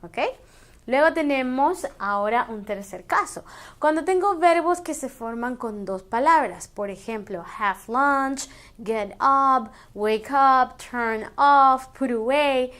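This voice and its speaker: A woman teaching English grammar in a tutorial, explaining slowly and repeating the example words. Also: sits high, animated, a bit bright. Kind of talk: screen-based grammar tutorial.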